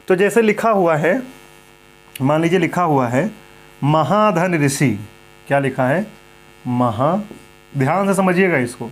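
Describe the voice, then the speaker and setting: A man teaching a grammar lesson in a classroom lecture style, who asks questions and answers them himself and repeats the key points. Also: on the high side.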